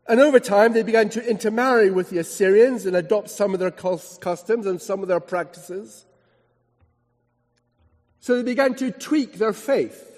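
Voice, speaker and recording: A man preaching a sermon as dramatic storytelling, swinging between emphatic lines and hushed asides. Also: high voice, long reverb tail.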